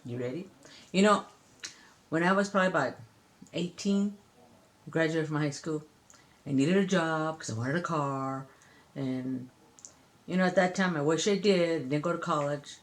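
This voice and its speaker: A woman's voice: deep voice, moderate pace, pauses often. An older woman, a grandmother, chatting and teaching counting to a grandchild on a phone video. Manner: warm, chatty, sing-song counting.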